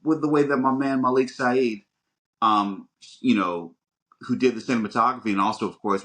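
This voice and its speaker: In a casual, opinionated film chat, a man co-hosting a podcast speaks with a mid-range, fairly bright voice. His delivery is emphatic, halting and rambling, full of repeated starts.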